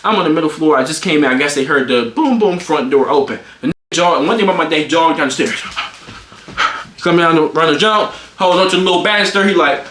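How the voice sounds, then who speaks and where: A young man in his twenties tells a story in a casual, animated way. He swears freely, and his voice jumps high when he gets worked up. It's recorded in a room with a roomy echo. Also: fast talker, background noise. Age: 20s. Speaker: streamer.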